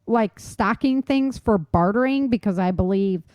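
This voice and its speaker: On a dry recording, this woman hosts a talk show about survival tips in a mid-range, slightly mellow voice at an unhurried pace. As podcast host, she's informal and emphatic about practical advice, with easy laughter.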